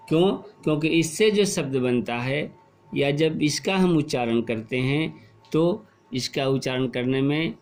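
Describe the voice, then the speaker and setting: Slow, patient male teacher. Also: medium pitch. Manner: slow and explanatory, asks questions and repeats answers. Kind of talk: classroom lesson.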